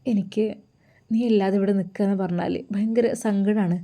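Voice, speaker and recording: A woman's voice: mid-range voice, steady tone, brisk, warm tone, natural voice. A woman voicing a pious, loving older mother-in-law who speaks tenderly and sorrowfully.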